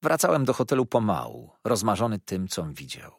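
A man narrating a classic novel in the first person, with an expressive, dreamy storytelling manner and a husky voice. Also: on the low side, fairly quick, dry recording, studio quality. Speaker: audiobook narrator.

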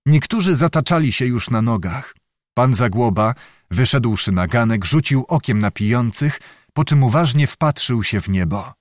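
A male audiobook narrator reads a literary story in a steady, measured, descriptive way. His pitch sits in the middle of a man's range. The recording is close and dry, with no room sound. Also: no room sound.

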